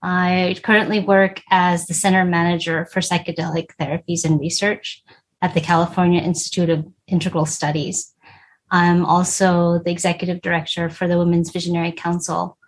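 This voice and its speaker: A woman's voice: fairly low pitch, little pitch movement, normal speed. A woman from Texas talking enthusiastically as a podcast guest in a casual conversation. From Texas, USA. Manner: warm, enthusiastic, chatty.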